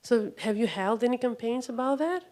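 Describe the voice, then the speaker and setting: A woman's voice: fairly high pitch, moderate pace, a little mellow. A woman from Albania, a native Albanian speaker, asking a panel a question from the floor and searching for words. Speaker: audience member, professor.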